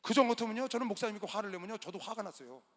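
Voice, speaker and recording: A male pastor preaching a sermon in a large gymnasium, telling a story with sudden loud outbursts and quiet asides. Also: high voice, expressive, very fast. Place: large indoor gymnasium used as a church hall. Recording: long reverb of a large hall.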